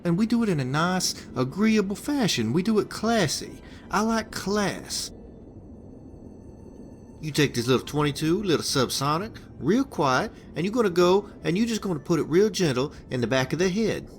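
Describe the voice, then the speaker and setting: A man voices a foul-mouthed hitman boss from a wasteland video game, giving out a hitman job while rambling crudely with stammers and restarts. His voice sits a little high for a man, swinging widely up and down, very animated at normal speed, with faint noise in the background.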